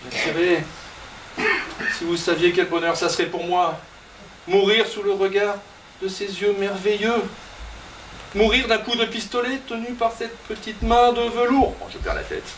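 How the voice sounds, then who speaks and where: A man's voice: high-pitched, little pitch movement, unhurried, pauses often, fairly bright tone, slight background noise. A man acting as a lovestruck landowner on stage, stammering and impassioned, heard from far off in an echoey hall. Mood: pleading. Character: impulsive male landowner, proposing wildly. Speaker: stage actor.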